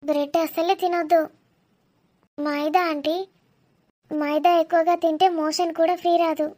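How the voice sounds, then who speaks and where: A woman playing a high-voiced fussy young woman. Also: level tone, normal speed, a little mellow. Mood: instructing. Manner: polite, instructing, slightly exasperated. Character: polite, fussy young woman, careful and correcting. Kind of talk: comedy skit acting.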